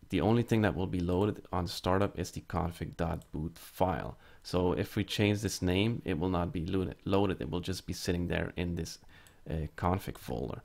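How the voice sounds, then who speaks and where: Brief: male tutorial presenter, deep gravelly voice, relaxed walkthrough with fillers. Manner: casual step-by-step explaining with fillers. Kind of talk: screen-recorded tech tutorial.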